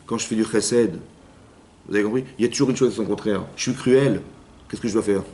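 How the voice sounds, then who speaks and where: A man, a rabbi, giving a Torah lesson in a lively way, acting out little inner dialogues and often checking that his listeners have understood. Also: on the low side, quick pace, slight background noise. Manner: lively, acts out inner voices, keeps asking "vous avez compris?". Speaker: rabbi teaching a class.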